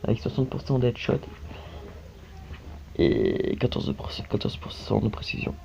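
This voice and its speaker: Rambling French gamer, low and dark. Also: male voice, wildly swooping pitch, unhurried, gravelly. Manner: rambling, many fillers and repeated "hein". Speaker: gaming YouTuber. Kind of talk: casual let's-play commentary. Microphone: phone screen recording mic. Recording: dull lo-fi audio with faint background hiss.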